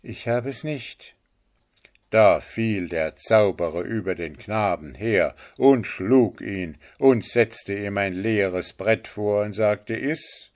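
A man narrating a fairy tale in a calm, measured reading style. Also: fairly low pitch. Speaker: storyteller.

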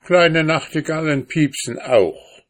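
A man reading aloud, voicing a sharp, mocking housewife who dismisses and scolds her husband. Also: fairly high pitch, slow, pitched above the performer's own voice. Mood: scolding.

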